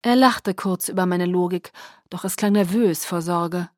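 A woman narrating a first-person audiobook in a soft, intimate and emotional way. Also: lowish voice, measured pace, no echo, studio quality. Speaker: audiobook reader.

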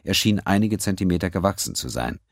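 A man narrating a science fiction audiobook in a steady, measured way. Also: sits low, dry recording, studio quality. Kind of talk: scripted narration.

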